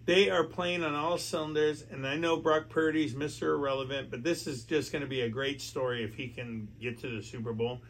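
A man's voice: mid-range voice, level tone, fairly quick, hardly any pauses, fairly bright tone, rough recording. An American man who has been drinking, hosting a casual sports chat, emphatic and repetitive, stumbling over his words. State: drunk. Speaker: sports talk show host. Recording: clear background noise.

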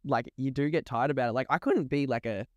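Smooth, clear-voiced man, blunt and slangy. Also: mid-range voice, fast, a little mellow, no echo, lo-fi sound. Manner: blunt, slangy, sweary, says "like" constantly. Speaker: music artist being interviewed. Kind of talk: casual podcast chat.

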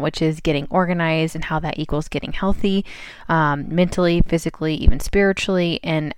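A woman's voice: low voice, smooth, dry recording. A woman hosting her own podcast in casual chat, stuffed up with a cold, chatty with many fillers and restarts. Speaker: podcast host.

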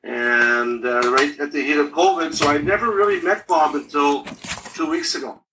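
A man in his sixties from Canada, a podcast guest who speaks in a businesslike way with many "uh" pauses. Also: a little high, sharp tone. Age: 60s. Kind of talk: casual interview. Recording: distant from the mic, faint background hiss.

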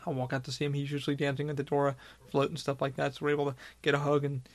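Talking very fast in a monotone, a male podcaster rambles on his own, heavily profane and clearly unscripted. His slightly high male voice carries a gravelly fry throughout this casual monologue.

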